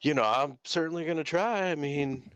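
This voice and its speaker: A man's voice: on the high side, normal speed, a bit bright, clean tone, no room sound. A man chatting casually as a racing driver being interviewed.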